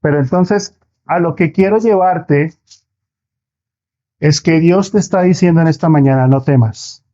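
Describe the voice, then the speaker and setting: A man's voice: on the high side, unhurried, pauses often, mellow, highs cut off. A Colombian man preaching a sermon as pastor, telling a fable and putting questions to the congregation. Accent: Colombian Spanish. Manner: storytelling, asks the congregation questions.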